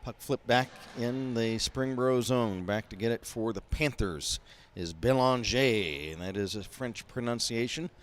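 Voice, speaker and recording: A man calling a high school hockey game play by play, folksy and rambling with lots of fillers, from behind glass up in a rink mezzanine. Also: normal speed, few pauses, slight background noise. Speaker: play-by-play announcer. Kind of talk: amateur hockey play-by-play commentary.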